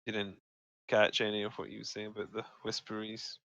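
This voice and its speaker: A man playing a tabletop game, animated and joking with the group. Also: lowish voice, fairly quick, vocal fry, dull audio. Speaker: player.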